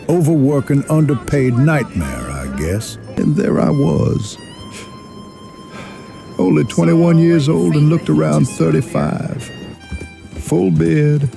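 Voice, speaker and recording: Man as a gravelly, slow-drawling western outlaw. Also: mid-range voice. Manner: folksy drawl, wry and unhurried. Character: young male outlaw drifter recounting his rough life, rueful. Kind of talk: scripted first-person western narration.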